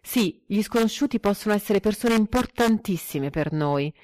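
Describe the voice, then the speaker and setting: A woman's voice: medium pitch, dry recording. Woman reading a story, dry close sound. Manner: measured, expressive reading with lively quoted dialogue. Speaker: narrator.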